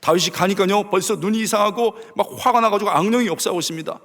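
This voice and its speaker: A man's voice: sits high, quick pace. A middle-aged man preaching a sermon as a pastor, telling stories with acted-out voices and sound effects. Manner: animated storytelling, acting out quotes and sound effects. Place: church sanctuary. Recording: long reverb of a church hall.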